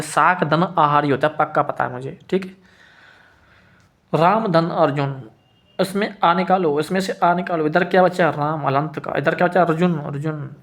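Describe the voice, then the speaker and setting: A man's voice: a little high, a bit bright. A man teaching a grammar class who repeats each point, asks his students questions and answers them himself, with informal asides. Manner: informal asides, thinks aloud.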